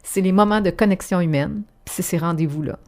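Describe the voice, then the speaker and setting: A woman's voice: lowish voice, fairly quick, a little mellow. A woman with a Québécois accent, an author talking reflectively in a radio interview, often restarting her sentences. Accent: Québécois French. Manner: reflective, with frequent restarts and fillers. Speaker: author guest.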